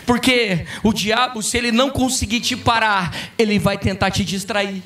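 High-voiced pastor preaching fervently. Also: male voice, steady tone, normal speed, distant mic, slight background noise. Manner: fervent preaching, bursting into shouts. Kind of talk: impassioned sermon. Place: church conference hall.

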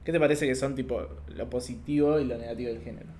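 A young man steers a relaxed chat about video games. His voice sits in the middle of the male range, and he fills his talk with easygoing agreement words. The recording has a roomy, echoey sound. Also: medium pitch, quick pace, a little hiss or hum. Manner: agreeable, fills with "claro" and "viste". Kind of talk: casual gaming chat. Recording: roomy echo.

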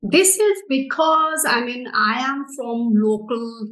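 With a fairly high, somewhat bright voice, a middle-aged Nepali woman directing a social enterprise takes her time giving earnest explanations in an interview. Her English carries a Nepali accent and non-native phrasing, and the sound is reverberant.

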